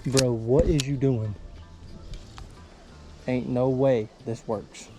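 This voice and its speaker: A man giving casual running commentary while fishing from a boat outdoors. He is excitable and slangy, and he talks to the fish. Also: medium pitch, slow, soft background music. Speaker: fishing vlogger.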